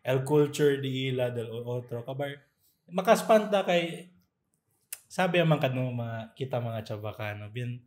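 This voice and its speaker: Man, mid-pitched, casual podcast co-host, animated storyteller. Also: a little slow. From Zamboanga, Philippines. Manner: animated storytelling with playful mimicry. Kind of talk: casual chat.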